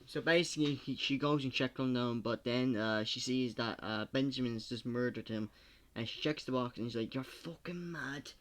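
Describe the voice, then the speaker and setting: A man's voice: medium pitch, steady tone, moderate pace, a bit bright. A young man giving a comedic movie recap, swearing and acting out the film's characters. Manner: swearing, jokey, acts out film characters. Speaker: video host.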